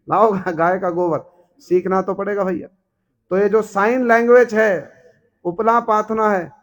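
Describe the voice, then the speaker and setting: Man, high voice, devotional storytelling sermon, keeps quizzing the listeners. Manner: asks the audience rhetorical questions, acts out characters. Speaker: preacher.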